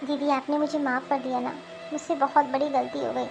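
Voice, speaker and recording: A woman voicing a remorseful, kind middle-aged mother-in-law in an animated cartoon, speaking earnestly. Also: high voice, a little fast, gravelly, over music, rough recording.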